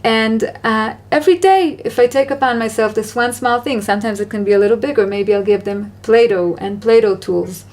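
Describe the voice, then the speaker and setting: A woman with a slightly high voice talks through parenting advice in a relaxed Q&A chat. She sounds earnest and reflective, and gently encourages the listener. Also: a little fast, few pauses. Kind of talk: casual Q&A conversation.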